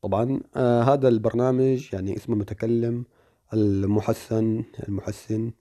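A tech tutorial host walks through a phone task step by step in a casual, screen-recorded video, chatting and using plenty of fillers. His mid-range voice is warm, with fairly even intonation and a slightly quick pace.

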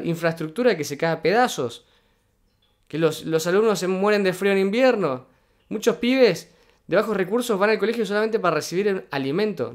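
A political commentator, an Argentine man with a high voice and an Argentine Spanish accent, reacts indignantly in a reaction video. He speaks emphatically and keeps repeating his points.

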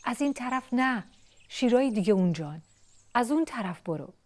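Storybook bird chick, timid and whiny, high childlike voice, a woman doing it. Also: animated, natural voice. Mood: alarmed. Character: small timid bee-eater chick, whiny.

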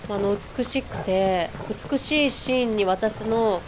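A woman streaming a game live, shouting excitedly during fights and chatting apologetically to viewers in between. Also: mid-range voice, measured pace, noisy background. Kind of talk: live let's-play chat.

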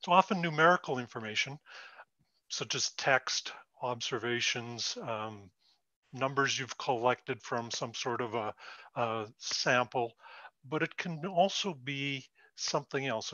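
A man from Canada, a guest on a live stream, explaining ideas in a measured, plainspoken way. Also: medium pitch, sharp tone, no echo, lo-fi sound. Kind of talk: casual interview.

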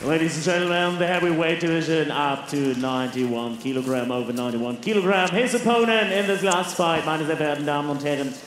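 A man's voice: a little high, a bit bright. A man working as a boxing ring announcer, grandiose and ceremonial, drawing names out over a handheld microphone. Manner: grandiose, drawn-out name calls. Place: large indoor boxing arena. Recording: echoey hall PA with music.

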